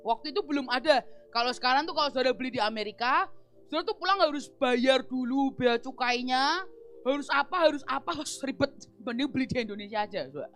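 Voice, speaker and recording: A woman pastor preaching at a church service, telling a lively personal story, acting out the dialogue and laughing often. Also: sits high, fast talker. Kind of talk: storytelling sermon.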